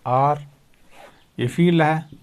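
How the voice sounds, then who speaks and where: Math lecturer, higher voice. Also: male voice, takes it slowly, smooth. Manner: explains step by step, repeats key terms. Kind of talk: recorded video lecture.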